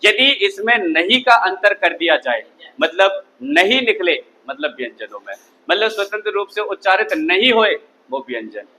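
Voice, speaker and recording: A man's voice: high-pitched, big pitch swings, normal speed, bright, forceful tone, poor audio. A man teaching a Hindi grammar class, constantly quizzing his students with call-and-response questions. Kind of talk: classroom lecture.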